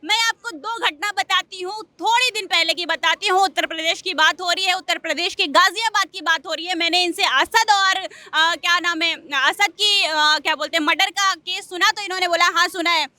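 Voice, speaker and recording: A woman street reporter with a very high, bright, cutting voice, recorded dry and close. She fires questions at passers-by and snaps back quickly when challenged. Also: dry recording. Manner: confrontational, quick retorts. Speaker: street interviewer. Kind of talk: street vox pop.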